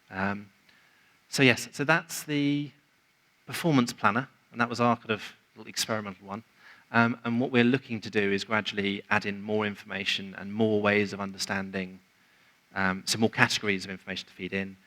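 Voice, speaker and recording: Pushed and bright, the man's lowish voice comes through a rough recording as he presents at a conference venue. He explains his material conversationally, breaking into acted-out quotations of what others said.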